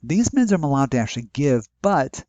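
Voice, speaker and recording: A man's voice: medium pitch, very animated, brisk, dark tone, dry recording, highs cut off. A man who teaches nursing, giving a casual orientation voiceover with many fillers and restarts. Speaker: nursing instructor.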